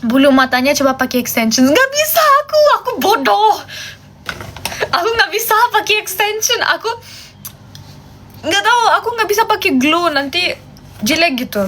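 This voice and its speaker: A livestream host from Germany speaks at normal speed in an extremely high pitch with big pitch swings and a fairly bright tone, while a little hiss or hum runs underneath. She chats talkatively with viewers during her makeup, switching between languages.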